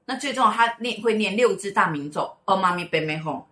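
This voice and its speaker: Lively Taiwanese-accented woman in an echoey room. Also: mid-range voice, brisk. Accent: Taiwanese Mandarin. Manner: animated storyteller who acts out quoted speech. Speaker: host, mother. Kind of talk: casual storytelling chat.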